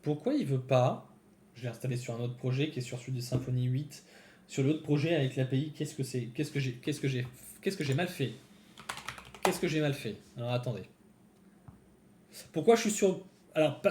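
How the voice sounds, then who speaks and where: Talking to viewers while he types, a man streams a coding session and keeps up a chatty, think-aloud commentary, pausing often. He has a mid-range, dark-toned voice at normal speed. The recording sounds roomy.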